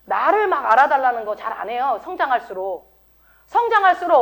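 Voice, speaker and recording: A woman's voice: high-pitched, a bit bright. A middle-aged woman pastor giving a sermon in a conversational way, often asking her listeners questions. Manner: conversational, asks the congregation many questions.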